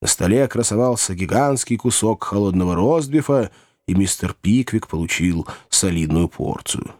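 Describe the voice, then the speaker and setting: A man narrating a classic novel as an audiobook in an expressive, animated way. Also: lowish voice, normal speed, no room sound, studio quality.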